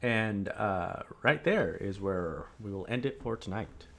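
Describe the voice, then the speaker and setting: A man narrating a tabletop fantasy game as game master and host, with filled pauses between passages of description. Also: deep voice, sing-song, husky.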